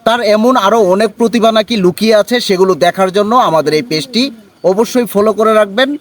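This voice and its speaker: A man's voice: sits high, fast. A man interviewing in formal standard Bengali, speaking as a presenter and praising his guest. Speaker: interviewer, journalist.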